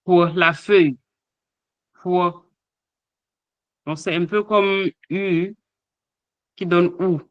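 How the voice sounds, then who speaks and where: A man's voice: high-pitched, fairly even intonation, takes it slowly, no echo, muffled recording. A man teaching an online language lesson, hesitating often with fillers as he sounds out letters and example words. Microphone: online call microphone.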